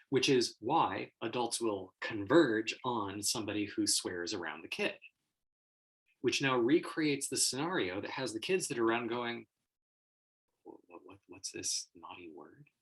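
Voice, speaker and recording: Husky man explaining ideas aloud. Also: medium pitch, moderate pace, low-quality recording. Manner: animated, acts out quoted voices, laughs often. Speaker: host. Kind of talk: casual explanatory livestream talk.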